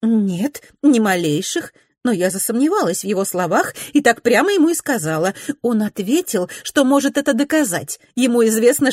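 A woman voicing an excitable young society widow who talks in a high, breathless, gushing rush. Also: dry recording, studio quality.

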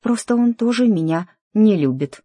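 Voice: animated, moderate pace, dark tone, husky, dry recording. An upset young noblewoman in an audiobook, as a reader puts her on. Her voice rises and pleads, sitting well above the narration. The recording is close and dry, with no room sound. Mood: sad. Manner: pleading, emotional, higher-pitched. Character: young noblewoman, agitated and hurt. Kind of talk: audiobook character dialogue.

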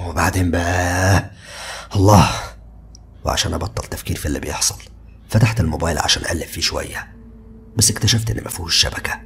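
Rapid-fire male horror narrator, Egyptian accent, deep and gravelly with a faint hiss behind. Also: sharp tone. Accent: Egyptian Arabic. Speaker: storyteller. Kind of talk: first-person horror story narration.

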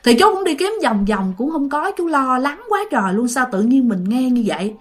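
A woman's voice: high-pitched, expressive, normal speed. A woman telling a ghost story in a casual, chatty way, with lots of fillers, and speaking directly to her listeners.

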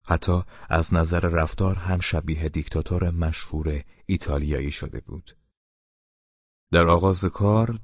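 A man narrating an audiobook in a steady, measured storytelling manner. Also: low voice, no room sound. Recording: dull, muffled sound.

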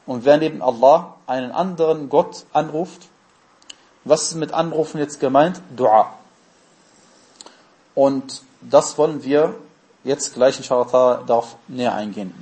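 A man's voice: mid-range voice, warm tone. A man giving a religious lesson, explaining terms step by step and answering his own questions. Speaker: Islamic teacher.

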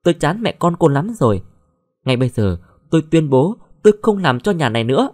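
A man voicing an angry, scornful young fiancé in an audio story, shouting and sneering. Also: a little high, very animated, a little fast, pitched above the performer's own voice. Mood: shouting angrily.

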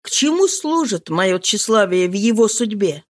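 A woman's voice: mid-range voice, very animated, normal speed, dry recording. A woman voicing a troubled young man brooding alone, as an audiobook monologue. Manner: brooding, self-questioning inner monologue. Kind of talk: audiobook reading.

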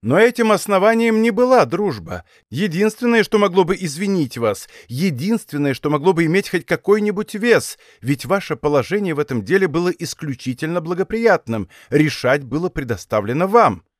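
A man voicing a proud, quick-tempered young king in an audiobook reading, haughty and sharp. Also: fairly high pitch, big pitch swings, no echo, studio quality. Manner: haughty, raising his voice in anger. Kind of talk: audiobook character voice.

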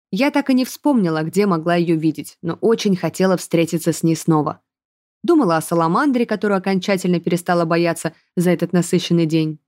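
A woman reading an audiobook narration in a lively, expressive way. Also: lowish voice, no echo, studio quality.

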